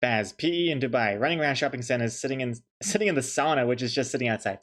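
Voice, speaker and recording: Drawing on stream, a young Kiwi keeps up casual, joking chatter and thanks his viewers along the way. He talks fast with lively intonation in a mid-range, slightly bright voice.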